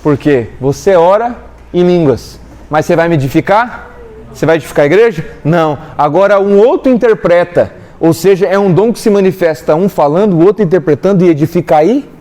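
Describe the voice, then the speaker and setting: A man's voice: sits high, a little fast, darkish tone. A young Brazilian man preaching in a church hall, telling a story and acting out the voices of the people in it. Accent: Brazilian Portuguese. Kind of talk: sermon with a spoken anecdote.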